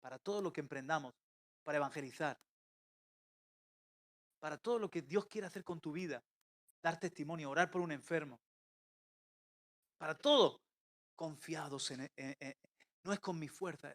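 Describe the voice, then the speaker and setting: A man delivers a sermon as pastor, his voice sitting high in pitch. He shifts from loud, emphatic calls to quiet, intimate asides as he preaches to a church.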